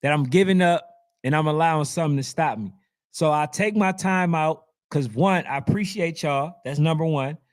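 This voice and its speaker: A youth football channel host who is losing his voice addresses his audience head-on, his fairly high, raspy tone sounding worn out. He delivers lively, sermonizing sports commentary at a normal pace, reading comments aloud as he goes.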